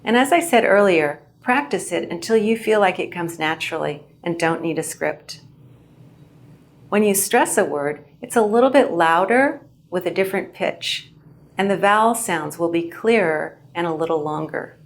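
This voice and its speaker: A woman instructor giving a clear, measured lesson on how to present well. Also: lowish voice, expressive. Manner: clear, measured teaching delivery. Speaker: English language instructor. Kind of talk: instructional video narration.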